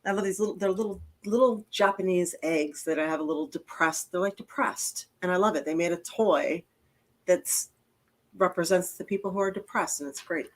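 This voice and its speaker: A woman's voice: fairly low pitch, normal speed. A woman hosting a casual live stream, chatting and greeting viewers as they arrive. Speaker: host.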